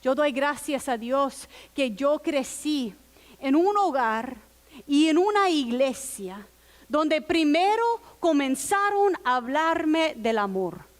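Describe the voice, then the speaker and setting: A woman's voice: sits high, animated, slow. A woman pastor preaching a sermon in an earnest, personal storytelling manner. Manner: earnest, personal storytelling with quiet quoted asides.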